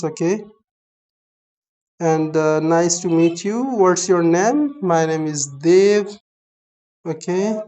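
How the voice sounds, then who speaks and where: A young Pakistani man whose first language is Urdu reviews an app in a screen-recorded tutorial. His flat, smooth voice sits on the high side, and his halting explanations often begin with "so."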